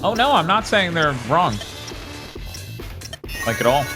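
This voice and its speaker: A man's voice: on the high side, very animated, a little slow, music in the background. A man bantering casually as a game streamer, joking and swearing freely.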